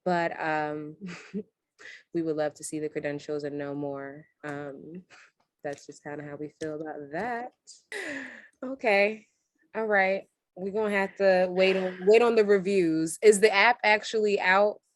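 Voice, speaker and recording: Low-voiced woman chatting on a podcast. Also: unhurried, no room sound, studio quality. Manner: animated, playful and opinionated. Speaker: podcast co-host. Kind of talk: casual chat.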